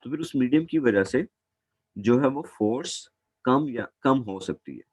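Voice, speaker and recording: A man's voice: medium pitch, expressive, measured pace, slightly rough. A man teaching a physics lesson as a classroom lecture, patient and repeating points, calling his students "beta".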